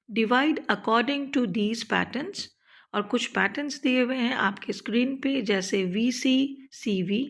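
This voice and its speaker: A woman with a Hindi-speaking Indian accent, narrating a scripted lesson for teachers and explaining each step in a steady way. She slows down to spell out English terms. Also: mid-range voice. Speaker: teacher trainer.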